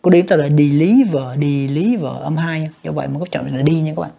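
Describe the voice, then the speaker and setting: Here a teacher of English works through exam questions, voicing each option, translating it and weighing it for the class, often saying "các bạn". The mid-range voice races along with fairly even intonation, vocal fry and a mellow yet slightly rough quality.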